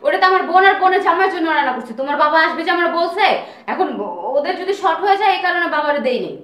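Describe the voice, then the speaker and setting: A woman's voice: very high-pitched, lively intonation, racing, fairly bright tone, echoey room. An actress playing a snobbish daughter-in-law who defends herself haughtily and is ashamed of her father-in-law. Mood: defensive haughty. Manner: defensive, haughty, snapping back.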